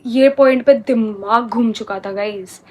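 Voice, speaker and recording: High-voiced woman. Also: measured pace, warm tone. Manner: heated, indignant storytelling mixing Hindi and English. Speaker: vlogger. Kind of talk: storytime vlog.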